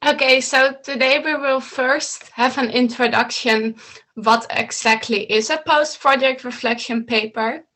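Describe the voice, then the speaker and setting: A woman coach presents slides to students over a video call from an indoor home room with bookshelves, speaking steadily and instructively with a few slips and restarts. Her voice sits high and is unhurried, with a bright, forceful tone.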